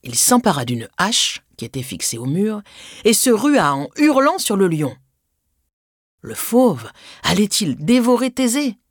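A woman narrating a children's storybook in an expressive, scripted way, lifting her voice on dramatic words. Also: mid-range voice, a little slow, no echo, clean studio sound.

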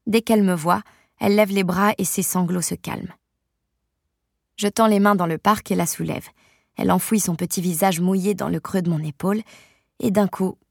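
A woman reads a first-person novel aloud with an even, storytelling delivery. Her voice is gravelly with a husky edge. The recording is dry and close. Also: mid-range voice, dry recording. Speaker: audiobook narrator.

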